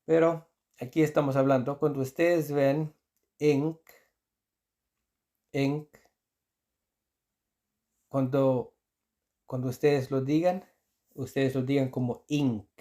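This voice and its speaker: A man whose first language is Icelandic teaches pronunciation to Spanish-speaking learners at an unhurried pace. His voice is dark and mellow. He repeats each example word several times and often breaks off and restarts his sentences. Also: medium pitch, fairly even intonation. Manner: slow, repeats example words, many restarts.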